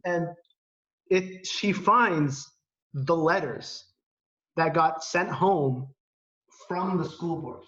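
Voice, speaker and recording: Male co-host from Canada, higher register, animated informal storyteller, video-call sound a little muffled. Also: extremely slow, long pauses. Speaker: live stream co-host. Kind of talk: casual chat. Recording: slightly dull video-call audio.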